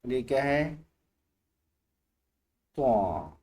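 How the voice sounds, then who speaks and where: Slow patient guy teaching letters one by one, low mellow voice, keeps asking you to say it back. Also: very animated, slightly rough. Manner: patient, repeats each letter and asks the learner to say it aloud. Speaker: Quran reading teacher. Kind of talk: slow letter-by-letter recitation lesson.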